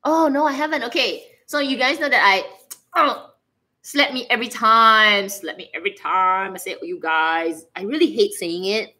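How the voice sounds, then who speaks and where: Speaking from an indoor living room, this livestream host has a Singaporean accent and a mid-range voice at a moderate pace. The chit-chat is casual: she rambles playfully, stays animated, and responds out loud to what viewers write.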